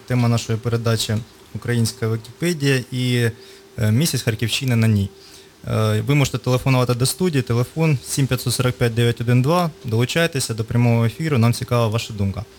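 Brisk man hosting a radio talk show. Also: mid-range voice, a little mellow, slight background noise. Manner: brisk, guiding questions. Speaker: radio host.

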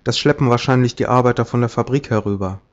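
A stiff, formal professor, read by a man in a storybook recording speaks with a halting, wounded dignity, at a middle pitch. The sound is dull and lo-fi. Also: close to an everyday voice. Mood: hesitant. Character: timid, dignified male professor, hesitant.

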